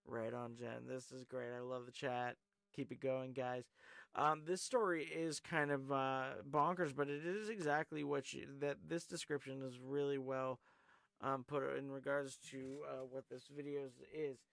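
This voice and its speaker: A call-in show host rambles casually through his live stream, full of fillers, as he reads viewer comments aloud. His medium-pitched voice has vocal fry and a slightly bright quality, with fairly even intonation at a moderate pace. There's no echo.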